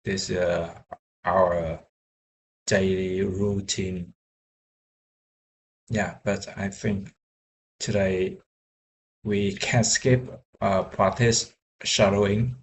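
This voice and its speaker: A young man, a software engineer learning English, talking casually in a vlog, halting with many fillers and restarts. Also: deep voice, steady tone, slight background noise, poor audio.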